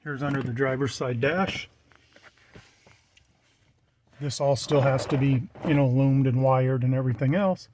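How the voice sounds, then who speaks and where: With a little hiss or hum in the background, a man presents his truck wiring project in a relaxed, plainspoken walkthrough, informally pointing things out. He speaks at a moderate pace in a steady, medium-pitched, slightly mellow voice.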